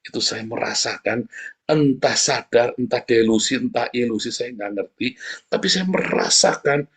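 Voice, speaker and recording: A man preaching a sermon, animated and personal, often addressing listeners directly and acting out short quotes. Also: normal speed, breathy edge. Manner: animated, wide pitch swings, addresses listeners as "saudara"; acts out voices in short quotes. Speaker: pastor.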